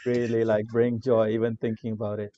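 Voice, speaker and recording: A man's voice: lowish voice, little pitch movement, brisk, warm tone, muffled recording. A young man in a casual student livestream chat, talking loosely with fillers. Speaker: student council member.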